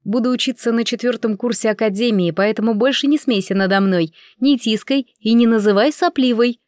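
A woman's voice: fairly quick, darkish tone, no room sound, clean studio sound, natural voice. Woman playing a proud, mischievous young lady. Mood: indignant. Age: 20s. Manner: higher, indignant squeaks.

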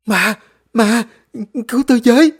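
A man's voice: very high voice, normal speed, voice pushed up. A man voicing a frightened teenage schoolgirl who talks in a panicky, trembling way. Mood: screaming terror.

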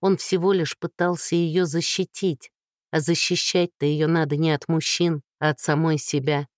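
A woman narrating an audiobook, reading at a slow, measured pace. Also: low voice, level tone, dry recording, studio quality. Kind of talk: scripted narration.

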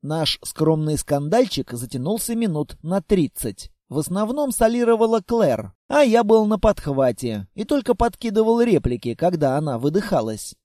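A man narrating a first-person audiobook in a wry, lively manner. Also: high voice, normal speed, hardly any pauses, no room sound, clean studio sound. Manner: wry and lively, voicing every part.

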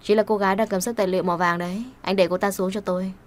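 A woman's voice: mid-range voice, steady tone, rapid-fire, natural voice. A woman voicing a cold, jealous young female schemer in an audio story, speaking in a smug, cold way. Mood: scheming.

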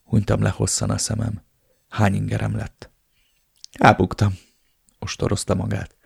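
Male audiobook narrator, first-person, subdued and measured, gravelly tone, dry close sound. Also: fairly low pitch, monotone, dry recording.

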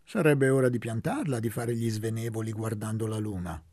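A man voicing a crude, mocking young man who teases his friends loudly. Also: on the low side, fairly quick, dry recording, clean studio sound. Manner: sneering, boisterous.

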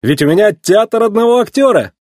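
A man's voice: high voice, expressive, fairly quick, a little mellow, no echo, studio quality, pitched above the performer's own voice. A man voicing an arrogant young male race car in a storybook reading, talking in a boastful, mocking way. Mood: cocky.

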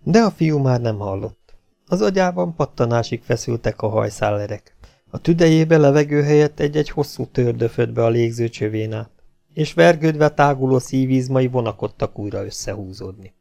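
A man reading an adventure novel aloud as an audiobook narrator, with a steady, slightly dramatic delivery. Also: mid-range voice, vocal fry. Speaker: audiobook reader.

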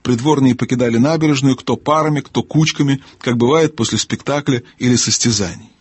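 A male audiobook narrator with a husky, slightly breathy voice and a middle pitch. He reads in an even storytelling manner, recorded dry and close. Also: a little fast, no room sound. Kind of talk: scripted narration.

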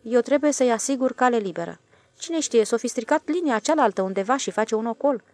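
A woman voicing a calm, self-satisfied older male station master in an audiobook, drawling and knowing. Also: fairly high pitch, dry recording, pitched above the performer's own voice. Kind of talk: audiobook character voice.

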